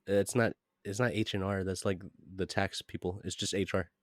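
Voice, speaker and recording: A man co-hosting a podcast in a casual chat, jokey and quick to riff on silly ideas. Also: deep voice, fairly even intonation, dry recording, clean studio sound. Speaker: podcast co-host.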